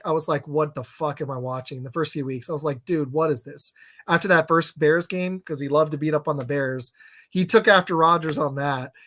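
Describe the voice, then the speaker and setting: A man's voice: on the high side, fairly bright tone. A man in his thirties hosting a casual sports podcast, rambling with lots of fillers and restarts. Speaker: podcast host.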